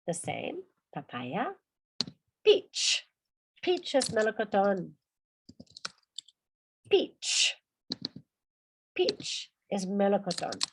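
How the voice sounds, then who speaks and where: Slow, lively-voiced woman teaching vocabulary. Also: medium pitch, background noise. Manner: drills words by repeating them slowly, then explains. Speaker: English teacher. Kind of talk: online language class.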